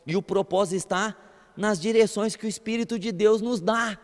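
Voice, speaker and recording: A man preaching a sermon as a pastor, telling stories in an animated way and acting out voices. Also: sits high, moderate pace, in a large hall. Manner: animated storytelling, acts out voices and laughs.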